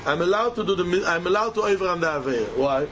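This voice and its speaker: Over a noisy background, a Torah teacher with a Yiddish accent gives a Talmud lesson in a high-pitched, very fast voice full of lively intonation. He emphatically poses rhetorical questions, then answers them while repeating key phrases.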